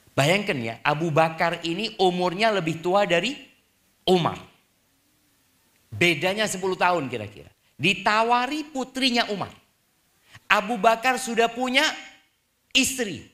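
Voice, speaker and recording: A man delivers a sermon to a gathered congregation in a bright, somewhat high voice. He is lively and conversational, shifting between formal phrasing and casual talk. He acts out short exchanges to make his point. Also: moderate pace, long pauses. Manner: lively, mixes formal and casual speech, acts out little dialogues. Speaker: preacher.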